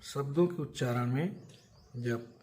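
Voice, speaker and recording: A man's voice: mid-range voice, unhurried, darkish tone, a little hiss or hum. A man teaching an English grammar lesson, explaining step by step and asking and answering his own questions.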